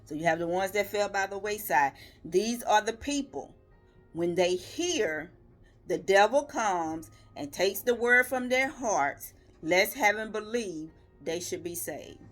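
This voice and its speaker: A woman's voice: mid-range voice, lively intonation, a little slow, fairly bright tone, faint music behind. Woman preaching in rhythmic rhetorical questions. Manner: earnest, emphatic, building rhythmic lists. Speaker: lay preacher. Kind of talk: devotional video sermon.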